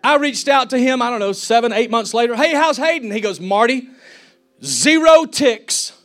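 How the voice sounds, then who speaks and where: A man delivers a fervent sermon in a high-pitched voice, acting out each person he quotes. Soft music plays faintly behind him. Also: animated, moderate pace. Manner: fervent, preachy, acts out quotes. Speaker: pastor.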